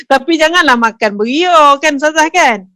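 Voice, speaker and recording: A woman co-host, quick to agree and laugh in a podcast chat. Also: sits high, animated, a bit bright, no echo, clean studio sound.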